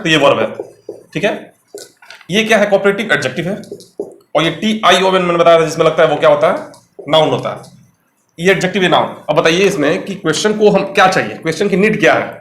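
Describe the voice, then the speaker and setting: A man's voice: a little high, lively intonation, fast, a bit bright. A man giving an exam-prep grammar lecture, explaining step by step and quizzing the viewer. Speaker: English teacher. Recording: echoey room.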